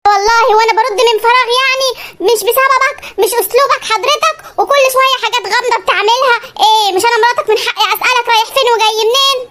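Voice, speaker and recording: A performer voicing a young Egyptian wife with a sharp tongue, firing back quick, sassy retorts. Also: female voice, extremely high pitch, slight background noise. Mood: defiant. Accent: Egyptian Arabic.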